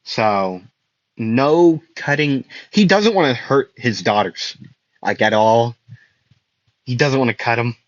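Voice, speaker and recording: A man's voice: medium pitch, expressive, slow, dry recording. A young man improvising a fan-fiction story, rambling with many fillers and self-corrections. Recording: dull lo-fi dry recording.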